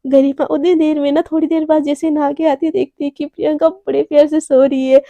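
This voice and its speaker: A woman's voice: high-pitched, little pitch movement, brisk, mellow, no room sound, lo-fi sound. A woman telling a love story in a casual, chatty narration.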